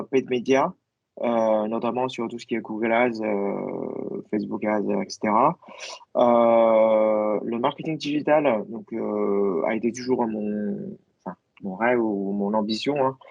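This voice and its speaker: A man's voice: lowish voice, creaky, no echo. A man, a native Chinese speaker, giving a webinar presentation over a video call and hesitating with many fillers. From China. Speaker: guest speaker, agency founder. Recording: dull lo-fi video call audio.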